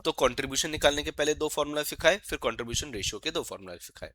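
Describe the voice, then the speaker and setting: A man giving an exam-prep lecture, coaxing his students and asking questions he answers himself, and slowly reading out formulas as he writes them. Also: fairly high pitch, animated, pushed and bright, slight background noise. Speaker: teacher.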